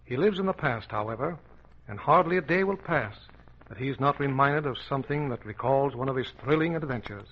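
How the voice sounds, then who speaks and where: A man narrating a scripted adventure in a measured, formal manner, at a mid pitch. He sounds like an old radio show, dull and lo-fi, with faint music underneath. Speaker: announcer.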